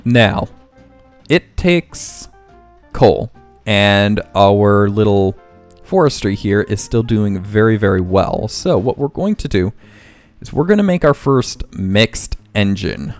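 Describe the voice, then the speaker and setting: Speaking slowly in a lowish register, this man sounds animated as he runs a let's play. His casual commentary wanders as he thinks aloud and fixes his own remarks, with soft game music in the background.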